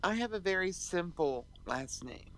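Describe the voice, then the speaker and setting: A woman's voice: fairly low pitch, animated, moderate pace, low-quality recording. A middle-aged woman joining a casual live-streamed chat, speaking in a dry, understated way. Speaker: host's mother, guest.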